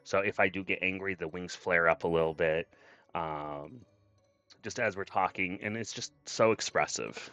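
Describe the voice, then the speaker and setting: A man's voice: deep voice, moderate pace, fairly bright tone, no room sound. A man chatting casually on a livestream as a VTuber, effusive and grateful in manner. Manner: effusive, grateful, often thanking viewers. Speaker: streamer and VTuber. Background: background music.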